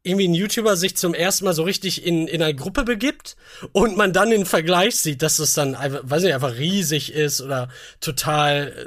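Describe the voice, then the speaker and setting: A man's voice: fairly high pitch, moderate pace, a bit bright. Dry, hesitant young man in casual chat. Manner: dry, hesitant, with many fillers. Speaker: podcast co-host. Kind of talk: casual comedy podcast chat.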